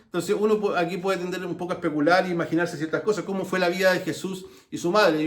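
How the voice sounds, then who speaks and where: A Chilean man preaching in a relaxed, storytelling way, with plenty of jokes and asides. His voice sits high for a man. The sound rings around a reverberant room. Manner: storytelling with humor, many restarts and asides. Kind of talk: conversational sermon.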